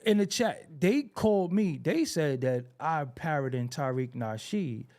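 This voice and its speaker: A man hosting a casual talk podcast with a somewhat high voice that moves around a lot. He chimes in with quick affirmations and reads comments from the live chat. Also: expressive, a little mellow. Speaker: podcast host.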